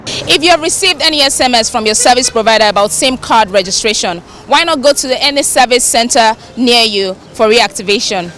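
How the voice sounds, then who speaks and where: A woman reporting for a news programme, asking crisp questions. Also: fairly high pitch, lively intonation, a little fast, hardly any pauses, fairly bright tone. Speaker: street reporter. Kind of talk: scripted report.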